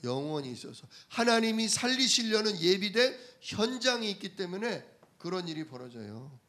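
A man's voice: high-pitched, big pitch swings, normal speed, bright, forceful tone. A man preaching a sermon, telling everyday stories and asking the congregation rhetorical questions. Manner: conversational storytelling from daily life.

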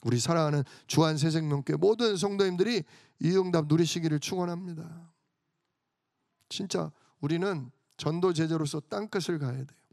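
A male pastor with a notably high voice delivers an emphatic, storytelling sermon. He keeps posing questions to the congregation and answering them himself. The sound is close and dry, with no room echo. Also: moderate pace, creaky, a little mellow.

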